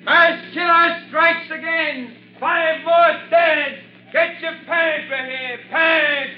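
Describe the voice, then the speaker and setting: An actor playing a street newspaper seller bawling out headlines in an old-time radio drama. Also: male voice, extremely high pitch, fairly even intonation, slow pace. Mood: excited, bawling. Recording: muffled echoing vintage radio recording.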